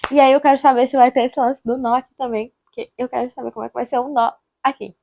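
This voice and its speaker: A woman's voice: sits high, level tone, fast, vocal fry, warm tone, a little hiss or hum. A Brazilian woman chatting casually as a book vlogger, informal and rambling, often correcting herself. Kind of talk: casual chatty reading vlog.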